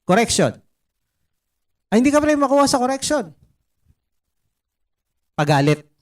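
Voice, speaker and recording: A man preaching a sermon in an animated way, mixing in English words and putting questions to the congregation. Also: extremely high pitch, unhurried. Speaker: pastor. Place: church service.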